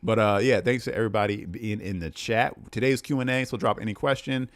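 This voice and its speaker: A man's voice: on the low side, brisk, no room sound. A man in his thirties co-hosting a casual livestream Q&A, laid-back and chatty, often laughing. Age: 30s. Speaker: livestream co-host.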